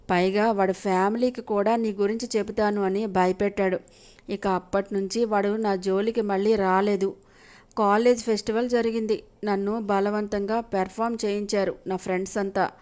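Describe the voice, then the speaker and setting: A woman's voice: mid-range voice, darkish tone, close to an everyday voice. A woman storyteller voicing a wronged young wife who pleads her innocence through tears. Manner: sobbing, pleading.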